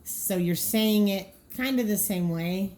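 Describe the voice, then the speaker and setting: Speaking slowly in a mid-range voice with a darkish tone, a woman trainer presents draft training cards for dispatchers. Her walkthrough is informal, practical and explanatory, and she often thinks out loud.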